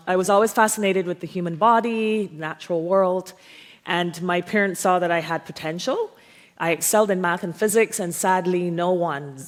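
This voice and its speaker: Woman, middle-aged, lowish voice, chatty storytelling talk, long hall reverb. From Barbados. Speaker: keynote speaker, professor. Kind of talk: conference talk, personal story. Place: large auditorium.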